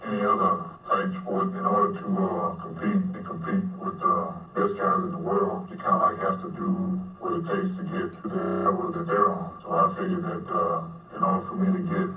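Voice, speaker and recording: A man with a Southern US accent, speaking through a deep pitch-shifted voice disguise, answering interview questions in a halting, casual way full of fillers. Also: reverberant, recorded from a distance, muffled recording. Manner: halting, with many fillers and restarts.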